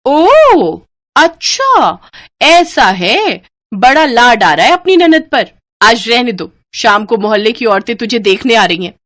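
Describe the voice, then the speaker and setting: A woman voicing a shrill, bossy sister-in-law. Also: little pitch movement, fast, few pauses, no echo, studio quality, lightly acted. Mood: scornful. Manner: scolding, shrill and loud. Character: harsh, bossy middle-aged sister-in-law, always shouting. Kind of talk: animated storybook voice acting.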